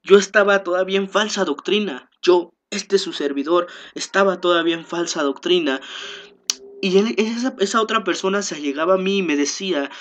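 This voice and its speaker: A man's voice: high-pitched, brisk, fairly bright tone. Male preacher reading scripture. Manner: reads scripture aloud, then explains with frequent restarts. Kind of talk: sermon with Bible reading.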